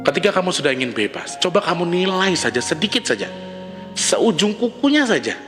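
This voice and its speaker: Preachy Indonesian man over loud music. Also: high-pitched, brisk. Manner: preachy, lively, acts out quoted partners. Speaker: channel host. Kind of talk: casual advice monologue. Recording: reverberant room with loud music.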